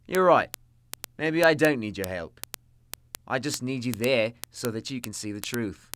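A man's voice: mid-range voice, measured pace, fairly bright tone, slight background noise, lightly acted. A man voicing a dry, sarcastic demon hunter. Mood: forceful.

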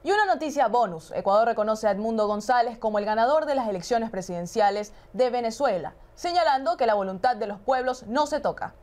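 A woman's voice: fairly high pitch, animated, a little fast, few pauses, a little mellow. A young woman presenting a student news show in a studio, mocking and ironic, on a lapel mic. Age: young adult. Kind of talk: scripted satirical news reading.

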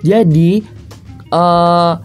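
A woman's voice: fairly low pitch, fairly even intonation, very slow, soft background music. A young woman from Central Java, Indonesia, chatting through a mukbang food review with her mouth full and often calling out to her viewers. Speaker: food vlogger.

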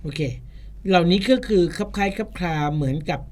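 A woman's voice: fairly low pitch, brisk. A Thai woman co-hosting a radio English lesson, chatting, asking questions and repeating English phrases back. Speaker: radio co-host.

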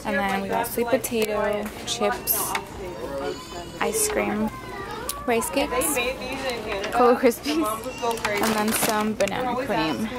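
A young woman talking casually to her phone camera in a vlog, chatty and upbeat, rambling a bit. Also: a little high. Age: young adult. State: out of breath while working out. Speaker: vlogger.

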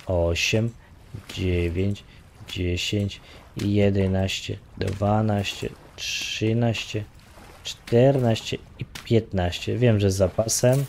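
Fairly low in pitch, darkish in tone and marked by vocal fry, this man's voice comes with a little hiss or hum. He's a gaming YouTuber doing casual let's-play commentary, muttering counts and grumbling with some light swearing.

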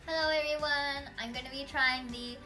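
Young female vlogger, high pitched, chatty and giggly; background music. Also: steady tone, moderate pace, pushed and bright. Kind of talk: casual food tasting vlog. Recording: music playing underneath.

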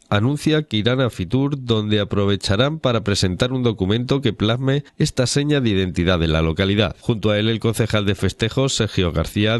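A man's voice: lowish voice, no echo. A man reading a scripted news report as a reporter.

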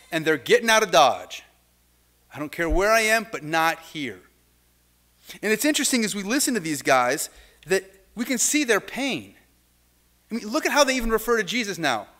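A middle-aged pastor preaches a sermon from a lectern in a church sanctuary, captured by a camera some distance away. His voice sits high and sounds bright and forceful, and he talks conversationally, restarting sentences and slipping in asides.

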